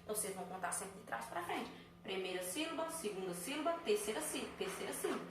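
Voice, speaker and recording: A woman's voice: medium pitch, animated, fast talker, music in the background. A woman teacher with a Brazilian Portuguese accent, explaining a review lesson step by step and answering her own questions. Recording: echoey room, faint ambient noise.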